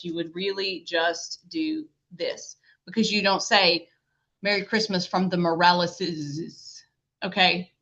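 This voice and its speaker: A woman's voice: fairly low pitch, fairly bright tone. A middle-aged woman teaching a recorded grammar lecture in a chatty way, often checking in with "okay?" and "right?". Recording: dull lo-fi lecture audio.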